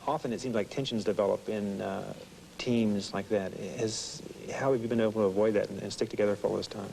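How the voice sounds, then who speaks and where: A man interviewing someone informally, halting and rephrasing his questions as he goes. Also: lowish voice, fairly even intonation, creaky, dark tone, a little hiss or hum, low-quality recording.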